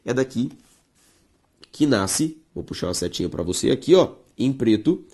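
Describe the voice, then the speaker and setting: A woman with a Brazilian Portuguese accent teaching a grammar lesson, stressing key words slowly and speaking straight to her viewers. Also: very deep voice, lively intonation, dark tone, breathy edge. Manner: emphatic, drawn-out stressed words, addresses viewers directly.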